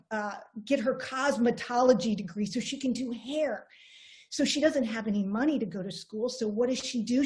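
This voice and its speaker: A middle-aged woman with a fairly high voice gives an online seminar over a video call. She tells stories with energy, restarting phrases as she goes, and leans on rhetorical questions. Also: darkish tone. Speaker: presenter.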